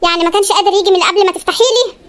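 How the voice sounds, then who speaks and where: Voice actor doing a high, fast-talking Egyptian cartoon husband, whiny and exasperated. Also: a bit bright, soft background music. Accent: Egyptian Arabic. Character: grumbling stuck Egyptian husband. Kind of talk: comedy cartoon voice acting.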